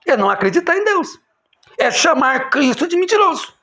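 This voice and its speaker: A man preaching an impassioned sermon, emphatic, swinging between loud exclamations and low, quiet lines. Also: big pitch swings, moderate pace.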